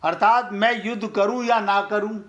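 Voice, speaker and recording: A middle-aged man teaching scripture in an earnest, direct way, speaking to his listeners and sometimes chanting verses slowly. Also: high-pitched, fairly even intonation, a bit bright, lo-fi sound. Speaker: spiritual teacher. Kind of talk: explaining scripture.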